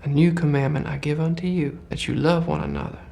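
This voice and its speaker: Earnest, higher-voiced young recruit. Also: male voice, sing-song, fast talker, gravelly, warm tone. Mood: quietly steadfast. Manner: polite, plain-spoken, hesitant. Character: earnest, gentle, stubborn young male army recruit. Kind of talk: war film acting. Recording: film audio with faint ambient noise.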